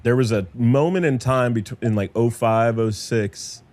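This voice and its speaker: A man's voice: mid-range voice, a little slow, darkish tone, no room sound. A man hosting a casual podcast chat, talking loosely with lots of fillers and jokes. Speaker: podcast host. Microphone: remote call.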